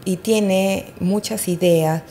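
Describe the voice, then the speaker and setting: A woman psychic giving readings in an interview, hesitant and often pausing with fillers and checking she is understood. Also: medium pitch, fairly even intonation, warm tone. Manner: hesitant, fills pauses with "eh" and "¿me entiendes?". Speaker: astrologer and psychic.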